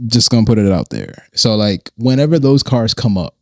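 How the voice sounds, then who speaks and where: A man born in Guyana and raised in New York, telling animated stories as a guest in a casual chat. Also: fairly low pitch, normal speed, no room sound, clean studio sound. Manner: animated storyteller, repeats himself, laughs.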